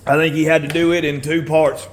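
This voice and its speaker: A man hosting a casual motorcycle how-to video in his garage, relaxed and rambling, often clearing his throat and coughing. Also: fairly high pitch, fairly quick. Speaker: motorcycle builder and channel host.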